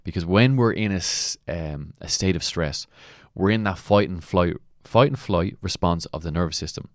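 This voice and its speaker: A man with a very deep voice coaches in motivational commentary, recorded close and dry. He makes his points emphatically and poses rhetorical questions. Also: moderate pace, dry recording. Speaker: mentor and coach. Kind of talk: motivational commentary on a client testimonial.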